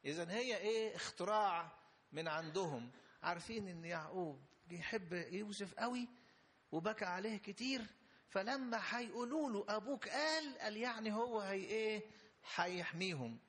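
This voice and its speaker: A man's voice: sits high, normal speed, a bit bright. A man preaching a sermon with an Egyptian Arabic accent, emphatic and repetitive, building to fervent peaks. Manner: emphatic, repeats phrases, rising fervor.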